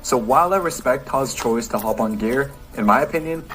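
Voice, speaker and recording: A man with a mid-range, fairly bright voice talks briskly as he narrates the results of a fitness experiment, stating the numbers plainly. It's a video with music playing underneath.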